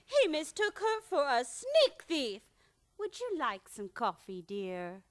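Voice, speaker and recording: A sweet little old aunt in a radio play, with an extremely high voice and slow, lilting delivery. She is prim, genteel and fussily proper. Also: huge pitch swings, heavily acted. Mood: gently fussing. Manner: prim, fussy, gently scolding. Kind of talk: live old-time radio play acting.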